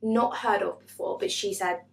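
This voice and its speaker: A woman's voice: mid-range voice, steady tone, moderate pace, creaky. A woman, chatting bubbly and self-mocking through a book haul vlog. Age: 20s. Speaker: booktuber. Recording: echoey room.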